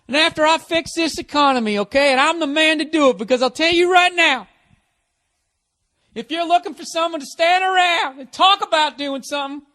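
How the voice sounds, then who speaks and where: Brief: a man hamming up a high-pitched, bragging male candidate, full of stump-speech bluster. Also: fairly quick, bright, forceful tone. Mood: boastful.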